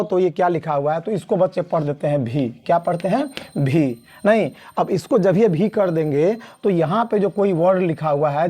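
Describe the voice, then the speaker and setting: A male English teacher from the Mithila region of India, teaching beginners at a board, slowly spelling out letters and repeating key points. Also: high-pitched, dark tone. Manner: slow and deliberate, drawing out each letter and repeating key points. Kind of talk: blackboard lesson for beginners.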